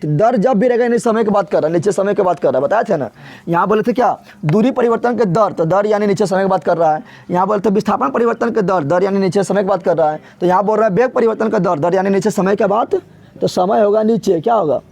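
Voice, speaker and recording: A man's voice: sits high, quick pace, gravelly, a little mellow. A man teaching an exam-prep physics lesson in a casual, colloquial way. He keeps asking a question and then answering it himself, repeating the key terms. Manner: casual, colloquial, addresses students directly.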